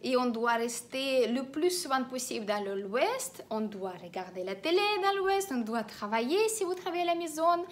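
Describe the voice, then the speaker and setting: Lady explaining feng shui, slightly high voice, lots of euh and restarts. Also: expressive, moderate pace, few pauses. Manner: hesitant, many filler sounds and restarts; instructive, repeats directives. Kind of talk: explanatory online teaching.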